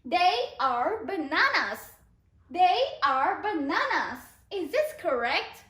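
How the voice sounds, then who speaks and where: A Thai-accented woman teaches young children online in a very high, bouncy voice that swoops up and down. She speaks slowly and leads them through repeated questions in a sing-song way, sounding hoarse. The echoey room adds a roomy ring to her voice. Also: big pitch swings, pushed and bright. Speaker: kindergarten English teacher.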